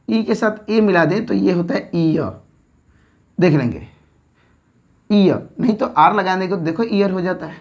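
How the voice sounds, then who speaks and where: A woman's voice: mid-range voice, darkish tone. Female teacher explaining at a board, patient and repetitive, medium voice. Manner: repeats words slowly, checks with rhetorical questions. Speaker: English teacher. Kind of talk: whiteboard grammar lesson.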